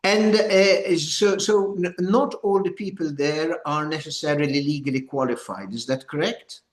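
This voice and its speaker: Older man, slightly high voice, halting deliberate lecturer, echoey room. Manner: halting, deliberate, repeats words. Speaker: former judge giving a training session. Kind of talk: informal lecture opening, addressing a group.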